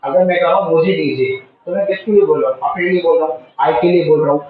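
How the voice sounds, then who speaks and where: A man's voice: a little high, fast, slight background noise. A male teacher with a slightly sore throat, explaining a spoken English lesson in Hindi and often repeating key words back to the class as questions. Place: school classroom. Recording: distant, echoey, tinny phone-like sound.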